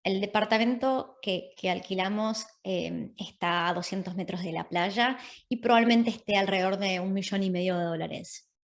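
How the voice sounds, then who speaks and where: A woman with an Argentine accent, a guest in a podcast interview, explaining her points in a clear, methodical way and checking in with her listener. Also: medium pitch, moderate pace. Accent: Argentine Spanish. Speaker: guest, property investment specialist.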